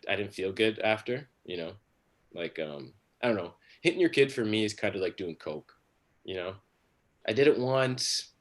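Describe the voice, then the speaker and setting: A man from Jamaica doing a stand-up set from his home for a livestream, rambling with lots of "like" and "um" and crude jokes. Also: lowish voice. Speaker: stand-up comedian.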